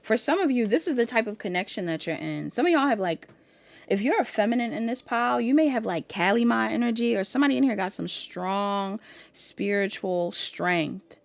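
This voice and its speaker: A woman gives a relaxed pick-a-card tarot reading in an easy, chatty way, calling her viewers y'all. She moves between loose talk and reading card meanings aloud from a guidebook. The sound is dry, with no room echo. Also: on the high side, normal speed, gravelly. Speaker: tarot reader.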